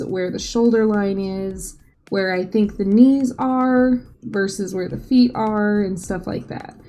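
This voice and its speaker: A woman hosts a drawing tutorial in a casual, chatty voice-over, tossing in light self-joking asides. Her voice is fairly low and dark, with faint music in the background.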